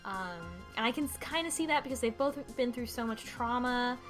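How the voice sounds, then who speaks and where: A woman co-hosting a podcast casually recaps and comments on a game's story. Her fairly high voice has lively intonation and a moderate pace, with faint music behind it.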